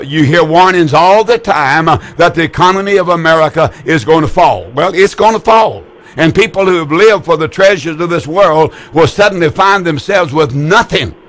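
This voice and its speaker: The fairly high, bright voice belongs to an older man, eighty years old, who preaches on a call-in religious broadcast. He speaks in a homespun, repetitive manner, frequently stumbling and starting his sentences over.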